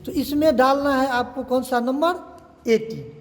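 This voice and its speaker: A man teaching a slow, patient revision lesson to young children, asking and answering his own questions. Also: extremely high pitch. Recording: echoey room with long reverb.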